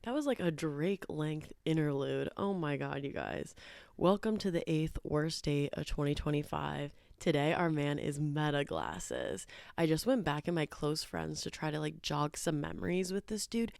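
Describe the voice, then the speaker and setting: A young woman telling dating stories in a casual, animated storytime chat, joking and laughing as she goes. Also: low voice, moderate pace, vocal fry, no room sound, clean studio sound. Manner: chatty, animated, bursts of laughter and jokey made-up words.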